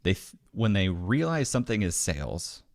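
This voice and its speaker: A Midwestern man guesting on a podcast chats casually and animatedly in a home basement studio, acting out little quoted dialogues. His voice is low and gravelly, with big pitch swings and a moderate pace. The recording is clean studio sound with no room sound.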